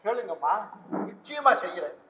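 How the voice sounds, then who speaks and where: A kindly, quietly wry priest in an old stage play, his voice sitting unusually high. It sounds far off in a big echoing hall, on a dull old recording. He talks with calm theatrical care. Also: moderate pace, exaggerated voice. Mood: gentle. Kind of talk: vintage stage play acting.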